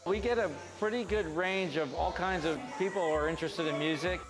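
A middle-aged man, a festival organizer, talking in a casual interview in a bar, halting with fillers. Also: sits high, loud music behind the voice, poor audio. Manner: laid-back, halting with fillers. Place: indoors in a bar.

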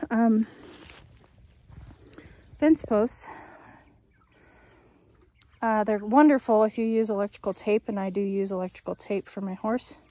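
A woman's voice: fairly high pitch, warm tone. A woman chatting casually and folksily into a handheld phone as she works outdoors, narrating what she does. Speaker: homestead vlogger. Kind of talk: casual outdoor vlog chat. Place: outdoors in a rural pasture. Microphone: handheld phone held by the speaker. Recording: noisy outdoor handheld recording, rural background.

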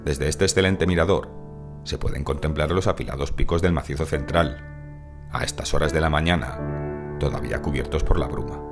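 A man giving calm, measured, scripted narration of a mountain hike, as in a nature documentary. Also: a bass voice. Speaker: hiking vlogger narrating. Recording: voice-over with music behind.

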